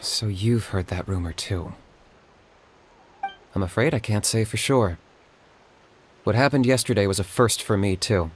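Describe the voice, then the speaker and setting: A man playing a cool, reserved, pragmatic young warrior in a video game, speaking in a measured, matter-of-fact way. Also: fairly low pitch, a little hiss or hum, lightly acted. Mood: composed, curious.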